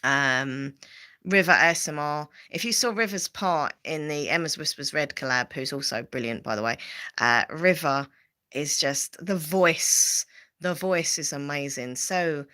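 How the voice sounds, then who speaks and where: Essex woman host, low and bright-toned, rambling casual chat, lots of fillers. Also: unhurried. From Southend, England. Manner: rambling and chatty, with frequent fillers and repeats. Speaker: livestream host.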